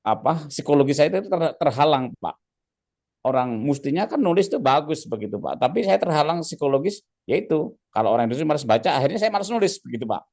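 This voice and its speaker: A man's voice: a little high, big pitch swings, a little mellow. A man in the audience asks the speaker a long question at an online seminar. He rambles, breaks off mid-word and keeps addressing the speaker respectfully. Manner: rambling, halting, ends phrases with "Pak". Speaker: audience member asking a question.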